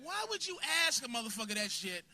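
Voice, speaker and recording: A man doing a crude, confrontational stand-up set in a comedy club, bursting into shouts at hecklers. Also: very high-pitched, very animated, quick pace.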